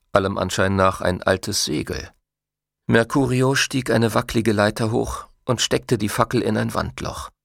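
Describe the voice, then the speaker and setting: A man's voice: on the low side, creaky, husky, no room sound, studio quality. A man narrating a novel as an audiobook, reading expressively. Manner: expressive storytelling. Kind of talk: scripted narration.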